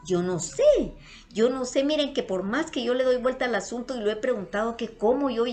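An earnest Guatemalan vlogger with a Guatemalan Spanish accent tells her viewers a story casually, calling them "my loves," speaking affectionately and repeating herself. Her voice is fairly high, fairly quick and a little mellow.

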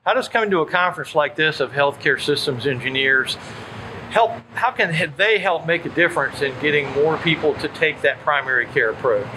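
A man's voice: fairly high pitch, a little fast, background noise. A man interviewing a guest for a podcast, asking polite questions with hesitant repeated starts.

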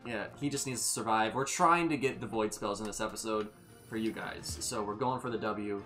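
Young man, casual gameplay banter, joking, loud bursts, game music underneath. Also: on the low side, a little fast. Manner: joking, laughs often, jumps to loud outbursts. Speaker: gaming channel co-host.

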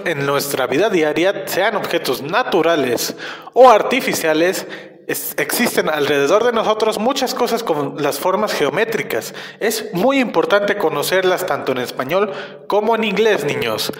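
A young man with a Mexican Spanish accent, teaching kindergarten children in a slow, sing-song voice and repeating each word several times. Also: high voice, lively intonation. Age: young adult. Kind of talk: recorded lesson for kindergarten children. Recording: echoey, roomy reverb.

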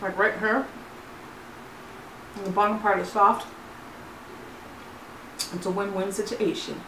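A woman's voice: medium pitch, level tone, slow. Woman talking while eating, echoey room. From Southern California. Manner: chatty, earnest, encouraging. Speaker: mukbang vlogger. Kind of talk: casual chat to camera while eating. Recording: echoey room, mic at a distance, noisy.

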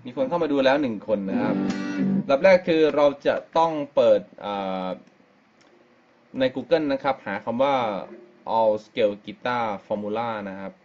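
A man's voice: medium pitch, a little slow, a little mellow. A man giving a casual live-stream guitar lesson, explaining step by step and counting scale degrees aloud. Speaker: guitar teacher. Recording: slightly dull live-stream audio with guitar music. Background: guitar playing and backing track.

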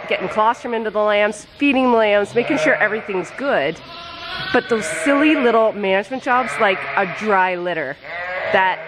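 Woman farmer, 40s, casual vlog delivery, mid-pitched voice, tired and rambling, handheld camera in a noisy sheep barn. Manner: chatty, tired, thinking aloud with restarts. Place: large indoor sheep barn. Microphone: handheld camera at arm's length. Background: bleating sheep and barn noise.

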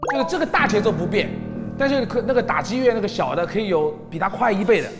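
A man's voice: sits high, lively intonation, quick pace. A man explaining a song arrangement to his group in casual, emphatic rehearsal talk. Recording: hall reverb with music behind.

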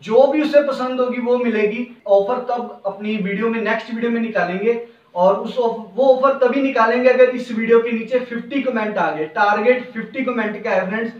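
A man's voice: extremely high pitch, moderate pace. A young man presenting T-shirts in a clothing shop, with an eager, repetitive salesman patter and a lapel mic. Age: young adult. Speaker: garment seller presenting stock. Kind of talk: product showcase sales pitch. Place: indoor clothing shop with hanging racks. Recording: roomy, dull, slightly distant.

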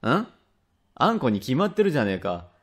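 A man voicing a rough, quick-tempered father from old Edo, speaking blunt old Edo Tokyo speech in a rakugo tale. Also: medium pitch, huge pitch swings. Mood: irritated. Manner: gruff, blunt, grumbling. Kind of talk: rakugo storytelling.

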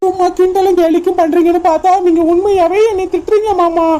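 Cartoon woman as a young wife: very high, mellow tone, pleading, Kanyakumari Tamil. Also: fairly even intonation, fast talker. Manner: pleading, playful. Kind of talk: cartoon voice acting.

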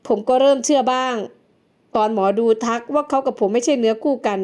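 A woman's voice: sits high, fairly even intonation, fairly quick, a little mellow, natural voice. A woman voicing a young man, a regretful ex-lover in a storybook drama, speaking in a plain, subdued way. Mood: wistful.

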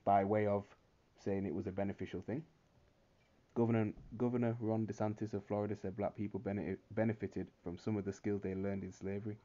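Over a screen recording, this man reads through articles and scripture, delivering preachy religious commentary and asking "all right?" again and again. His voice is fairly low-pitched and dark, and the recording sounds muffled.

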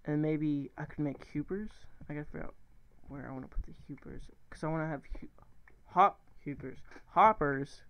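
A man's voice: a little high, moderate pace, highs cut off. A young man casually commentating his own gameplay, rambling and thinking aloud, often correcting himself and swearing casually. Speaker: gaming channel host.

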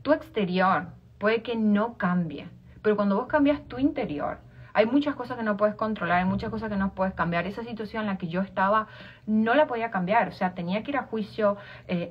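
A woman with an Argentine accent, a life coach giving an informal motivational talk, repeating herself and restarting phrases. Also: medium pitch. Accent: Argentine Spanish. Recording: dull lo-fi sound.

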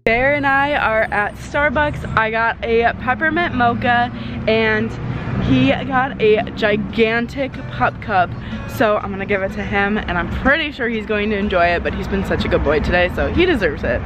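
In her twenties, this college student vlogs from her dorm room with a handheld camera held at arm's length, keeping things casual and upbeat while chatting to her dog. Her voice sits fairly high and moves at a normal speed, with music playing underneath.

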